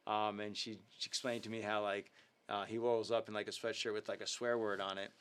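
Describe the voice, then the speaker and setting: A man with a fairly low, fairly bright voice and little pitch movement talks briskly over slight background noise. As youth ministry leader and host of a live talk show, he shares updates and a devotional in a casual, earnest, upbeat way, filled with ums and uhs.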